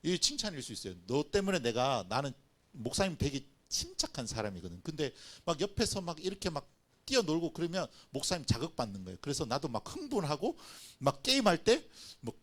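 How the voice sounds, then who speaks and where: Male pastor, middle-aged, fairly high voice, lively pitch, animated storyteller, family sermon. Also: a little fast. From Korean coast. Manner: animated storytelling, acting out little scenes.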